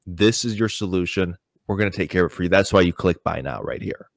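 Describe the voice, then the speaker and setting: Low-voiced male host, dry sound. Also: quick pace, gravelly, dry recording. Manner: agreeable, affirming interviewer. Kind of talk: conversational interview.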